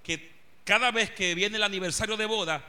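A man's voice: high voice, moderate pace, sharp tone. A man, a pastor preaching a fervent sermon and calling on the congregation to repeat after him. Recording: music playing behind.

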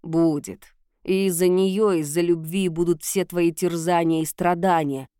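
A woman doing a gruff old witch fortune-teller. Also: lowish voice, steady tone, mellow, dry recording, studio quality, natural voice. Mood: stern. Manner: gruff, slow and mocking.

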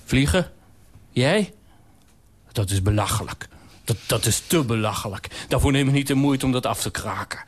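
A man's voice: medium pitch, expressive, normal speed, pauses often, lightly acted. A pompous male nutcracker from a radio story, blunt and scornful, as a man puts him on. He lectures in a lifted, sneering voice.

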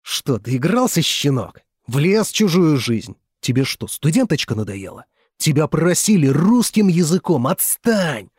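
A man voicing a distraught young woman who shouts and pleads in turn, his voice husky. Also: medium pitch, expressive, normal speed, long pauses, no echo, clean studio sound, exaggerated voice. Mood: furious.

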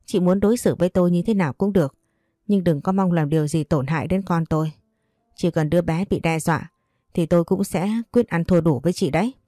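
A young pregnant wife stands her ground, as a woman narrator puts her on. She stays respectful and steady, and the voice is low and warm. The recording is dry and close. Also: fairly quick, no room sound, lightly acted. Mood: firm. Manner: calm, firm, respectful. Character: pregnant young second wife, firm but polite.

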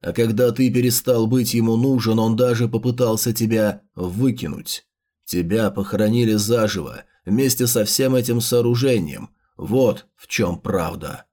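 A man voicing a scheming villain in an audiobook, rousing followers to vengeance with slow, theatrical menace. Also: on the low side, mellow, voice pushed down, natural voice. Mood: coldly persuasive. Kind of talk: dramatic audiobook character voice.

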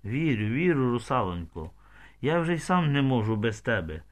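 A man voicing a grown village man who speaks softly and tenderly, soothing a frightened girl in an audiobook. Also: mid-range voice, big pitch swings, moderate pace, natural voice. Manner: soft, hushed, soothing.

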